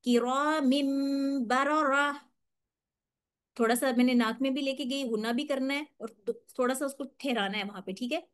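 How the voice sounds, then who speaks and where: Patient woman teaching Quranic recitation. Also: high voice. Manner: patient, explains step by step, models slow drawn-out recitation. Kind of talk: online tajweed lesson.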